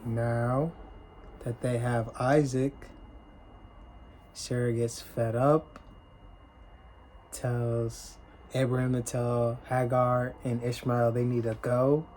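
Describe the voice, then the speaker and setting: A man casually retelling a Bible story as a sermon, in plain everyday speech and clearing his throat now and then. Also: medium pitch, level tone, takes it slowly, pauses often, darkish tone, a little hiss or hum, rough recording. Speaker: preacher.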